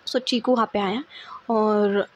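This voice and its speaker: A young woman in her twenties telling a storytime vlog story in a lively, dramatic way. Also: mid-range voice, slow pace. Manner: animated, dramatic, acts out others' lines. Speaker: vlogger. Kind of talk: casual storytime.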